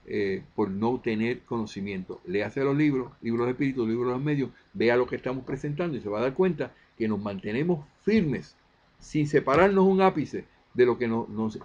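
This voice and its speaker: A man's voice: mid-range voice, a little mellow, muffled recording. A man giving an impassioned monologue as a spiritist video presenter, emphatic, posing rhetorical questions and answering them himself.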